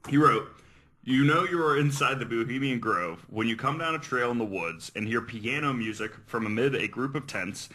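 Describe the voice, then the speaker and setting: Reading through his research notes, this man hosts an explanatory podcast at a moderate pace, his medium-pitched voice sharp in tone. He's earnest, though he occasionally stumbles over words.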